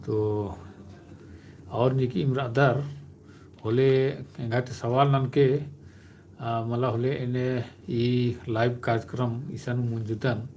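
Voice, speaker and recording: A man hosting a live stream, answering viewers' questions in a slow, hesitant way with many filler sounds. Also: medium pitch, level tone, darkish tone, a little hiss or hum.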